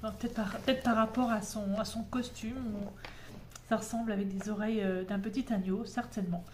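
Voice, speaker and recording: A woman's voice: mid-range voice, fairly even intonation, a little fast, slight background noise. A woman vlogger chatting at home, enthusiastic and full of hesitations as she shows her craft kits. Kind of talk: casual show-and-tell chat.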